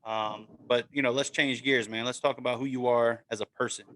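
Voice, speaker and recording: A man's voice: mid-range voice, fairly even intonation, fairly quick, a bit bright. A man hosting a casual sports podcast, upbeat and encouraging, often tagging "man" and "right?" onto his sentences. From Maryland, USA. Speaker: podcast host.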